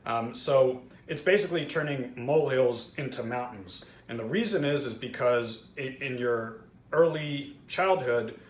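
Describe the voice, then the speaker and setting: A man's voice: mid-range voice, a little slow. A man from Israel, host of a trauma-healing channel, candidly explaining with frequent fillers and restarts. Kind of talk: earnest explanatory talk to camera. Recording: roomy echo with faint background noise.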